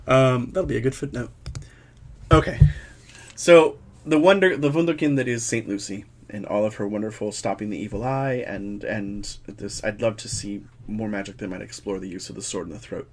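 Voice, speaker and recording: A man's voice: on the low side, fairly even intonation, moderate pace. A man co-hosting a casual chat, playful and teasing, dropping quips between his musings. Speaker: podcast co-host.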